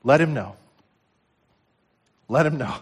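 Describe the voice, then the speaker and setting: A man preaching a sermon in an emphatic, exhorting manner with repeated phrases, swinging between quiet asides and loud exclamations. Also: mid-range voice, lively intonation, takes it slowly, husky.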